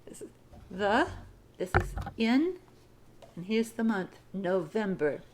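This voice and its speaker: A woman's voice: medium pitch, big pitch swings, slow pace, slight background noise. A woman teaching a citizenship writing lesson, patiently dictating sentences and spelling words out letter by letter.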